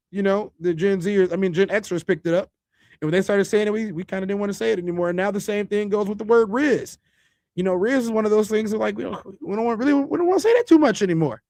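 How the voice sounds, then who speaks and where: A man hosts a casual podcast, his voice pitched high for a man. He talks loosely to his viewers and thinks aloud with restarts. The sound is dry and close. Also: a little mellow, dry recording. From Chicago. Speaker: podcast host.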